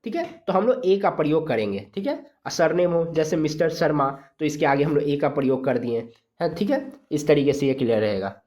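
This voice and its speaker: Teaching exam-prep English grammar, this Indian teacher breaks rules down one step at a time, pronouncing letters slowly and frequently checking on the class. The voice is medium-pitched and a little mellow, with lively intonation.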